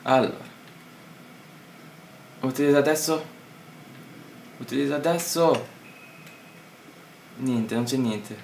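An Italian man giving a player bossy, excitable directions while commenting on a game. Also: medium pitch, slow pace, gravelly, pauses often. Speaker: co-host guiding the player. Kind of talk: casual gameplay commentary. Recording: echoey room, distant mic, noisy.

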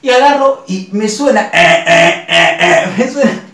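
High-voiced man telling a comic story. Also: a little slow, creaky, far from the mic. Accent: Rioplatense Spanish. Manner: animated, exclamatory, swearing. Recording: roomy, off-mic, faint noise.

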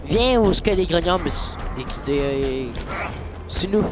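A man's voice: on the high side, expressive, unhurried. Chatty man streaming a game. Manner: playful, chatty, laughs often. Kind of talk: casual gameplay commentary. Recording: live stream with loud game music.

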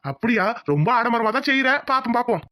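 A woman's voice: a little high, animated, fast, pushed and bright. A woman voicing a grumbling, scolding middle-aged village husband in a cartoon.

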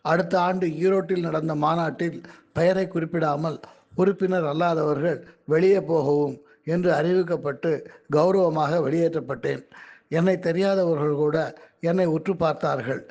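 A man reading his own magazine articles aloud in a measured, careful way. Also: a little high, lo-fi sound.

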